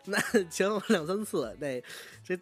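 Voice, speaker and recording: Animated and a little slow, a high-voiced vlogger with a Beijing accent spins a story in a loose, rambling way. He curses freely and keeps starting his sentences over.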